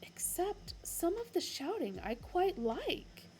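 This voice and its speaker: A hulking, dim-witted alien guard who bellows and ponders slowly, as a woman reader puts him on. His voice is loud, gravelly and drawn out, set above her usual pitch. The tone is dark and mellow. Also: very animated, slight background noise, heavily acted. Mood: booming. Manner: booming, slow-witted.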